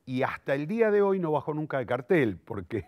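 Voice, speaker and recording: On the high side and very animated, this man speaks briskly; the recording has no echo but its highs are cut off. In his sixties, with a Rioplatense Argentine accent, the playwright, director and theatre teacher reflects eloquently in an interview, often repeating words as he searches for the next and correcting himself as he thinks aloud.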